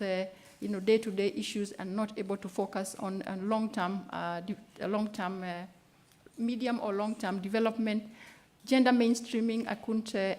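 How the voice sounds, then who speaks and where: A woman's voice: mid-range voice, a little mellow. A woman presenting a keynote at a conference, speaking with many "uh" fillers and some hurry. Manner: hesitant, many "uh" fillers, rushed. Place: conference hall.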